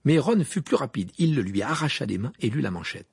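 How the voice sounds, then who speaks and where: Gravelly, husky male narrator. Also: medium pitch, very animated, a little fast, a little mellow, dry recording, clean studio sound. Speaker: audiobook narrator. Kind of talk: scripted narration.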